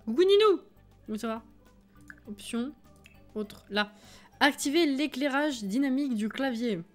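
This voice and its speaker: A woman streamer talks casually through a building session, laughing often and answering her chat as she plays. Her voice sits a little high. Faint game music plays under her desk-mic recording. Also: unhurried. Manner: chatty, laughs often, reads chat aloud. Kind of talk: casual live-stream chat while playing.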